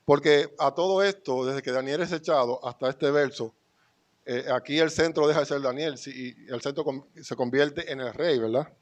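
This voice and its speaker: A man's voice: mid-range voice, normal speed. A man with a Dominican Spanish accent preaching a sermon to his congregation, reading scripture aloud with rising emphasis. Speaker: pastor.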